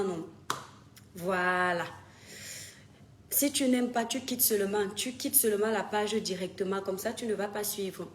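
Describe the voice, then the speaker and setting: A woman hosting a casual live stream, greeting viewers, laughing often and scolding them in an animated way. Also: on the high side. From Cameroon. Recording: echoey room with faint background noise.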